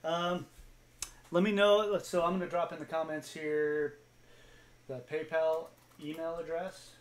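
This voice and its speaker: A man's voice: on the high side, little pitch movement, measured pace. A man hosting a card-break livestream, chatting casually with viewers in an easygoing way with lots of fillers.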